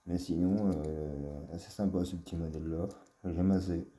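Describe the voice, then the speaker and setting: A man's warm, low voice moves at a moderate pace with fairly even intonation as he casually shows his collection on camera. He sounds fond but unsure, leaning on fillers, and the room echoes around him.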